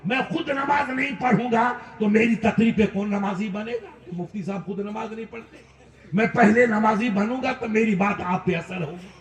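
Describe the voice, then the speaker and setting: A high-voiced preacher in his fifties from India delivers a fiery sermon, often rising to shouts. He sounds roomy and echoey, recorded from some distance off the mic. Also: moderate pace. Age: 50s. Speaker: Islamic preacher.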